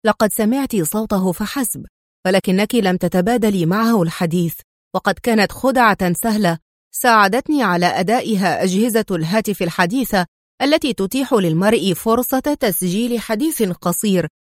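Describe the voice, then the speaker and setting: A woman voicing a bold male secret agent hero who speaks calmly, with mockery and firm command. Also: mid-range voice, dry recording, studio quality, close to an everyday voice. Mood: mocking. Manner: calm, mocking, commanding.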